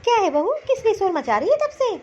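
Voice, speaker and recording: A woman's voice: extremely high pitch, big pitch swings, fairly quick, warm tone. A woman voicing a lazy, dismissive older mother-in-law in a cartoon story, scolding and brushing off requests. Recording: slightly dull lo-fi recording.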